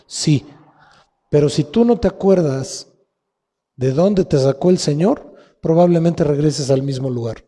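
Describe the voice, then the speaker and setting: A fairly high-pitched, dark-toned man preaches in a church hall, his Mexican Spanish accent clear as he asks the congregation rhetorical questions. Long hall reverb trails his words.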